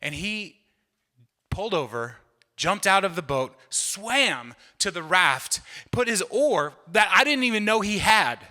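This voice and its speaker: Middle-aged male comic, self-deprecating storyteller, piercing bright tone, echoing venue. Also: sits high, very animated, a little slow. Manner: rambling, self-deprecating, with many fillers and restarts. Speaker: comedian. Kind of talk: stand-up storytelling. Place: event hall stage. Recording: long hall reverb from a live venue.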